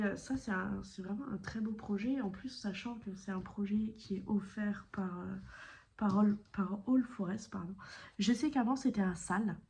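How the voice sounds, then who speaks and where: A woman's voice: mid-range voice, dark tone. A woman chatting casually about her cross-stitch projects, rambling with many fillers and self-corrections, sometimes dropping to a whisper. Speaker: cross-stitch video creator.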